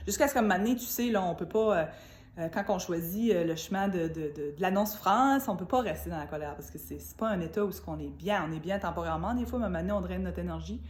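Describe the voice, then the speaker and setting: A woman's voice: lowish voice, fast, a little mellow. A woman with a Québécois French accent giving an informal spiritual talk, chatty and earnest, speaking straight to her viewers. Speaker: spiritual teacher. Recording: roomy echo.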